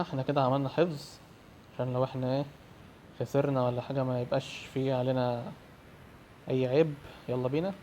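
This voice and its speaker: A young man with an Egyptian Arabic accent doing fast, excitable commentary on a horror game, yelling and swearing when scared. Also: medium pitch, a little hiss or hum. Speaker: gamer.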